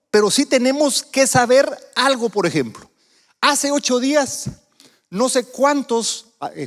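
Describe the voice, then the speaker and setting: A man's voice: high-pitched, big-room sound. A man from Guatemala preaching a sermon as a visiting speaker, talking conversationally and putting questions to the congregation. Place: church sanctuary.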